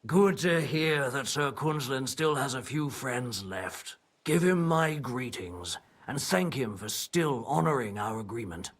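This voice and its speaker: A male actor playing a wary, gruff medieval stableman in a video game, grudgingly helpful, with blunt, folksy rustic phrasing. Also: mid-range voice, lively intonation, measured pace. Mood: wary, softening.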